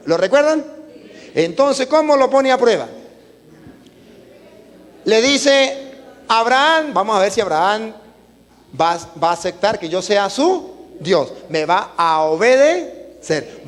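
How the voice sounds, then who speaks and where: A man's voice: high-pitched, in a large hall. A man, a priest preaching at a retreat, telling stories animatedly and asking the audience questions. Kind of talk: sermon at a retreat.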